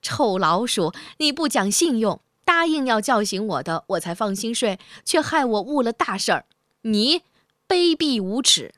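A woman's voice: sits high, expressive, a little fast, few pauses, no room sound, clean studio sound, voice pushed up. A woman voicing an indignant storybook cat. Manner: indignant, loud and scolding. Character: drowsy then furious male house cat.

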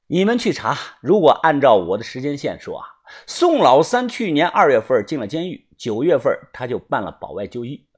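A man's voice: on the high side, slightly rough. A man narrating a story in a chatty storytelling manner, speaking directly to his listeners.

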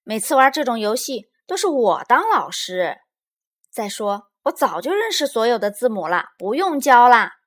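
A woman voicing a little girl bear cub in a children's storybook, shouting indignantly. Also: fairly high pitch, animated, moderate pace, voice pushed up. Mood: angry.

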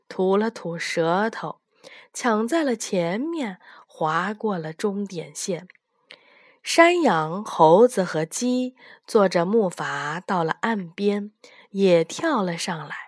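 Slow gentle woman reading a children's story. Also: medium pitch, lively intonation, dry recording, studio quality.

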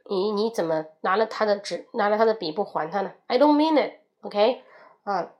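A young woman hosts an audio English lesson. She says each English phrase several times, slowly and with emphasis, then explains it in Mandarin. Her voice sits at an ordinary middle pitch. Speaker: English teacher.

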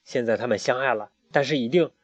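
A man's voice: medium pitch, quick pace, close to an everyday voice. A man voicing a sly, hungry fox father who schemes aloud in chatty asides, on a muffled recording. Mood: scheming.

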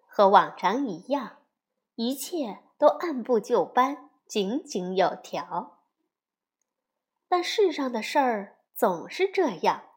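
Woman reading a kids' picture book, slow, lively up and down voice. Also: a little high, husky. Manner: slow, expressive. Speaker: storyteller. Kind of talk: children's storybook reading.

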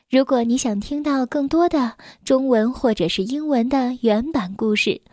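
A woman narrating a bedtime story for children in a gentle, soft way, sometimes dropping to a whisper. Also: high-pitched.

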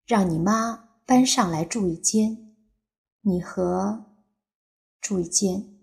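A bold, demanding young woman psychologist, voiced by a woman narrator in an audiobook. She speaks in curt, firm, cutting lines, unhurried. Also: medium pitch, lively intonation, dark tone. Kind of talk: audiobook character voice.

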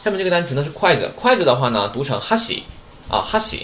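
A man's voice: on the high side, sing-song, fast, bright, forceful tone. A man teaching a Japanese vocabulary lesson, chatty and joking, often asking rhetorical questions. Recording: roomy echo, faint background noise.

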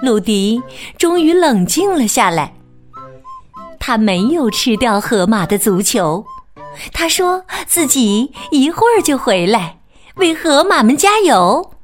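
Woman storyteller for kids' picture books; high, lively voice, slow and sing-song, soft music behind. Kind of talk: children's story reading.

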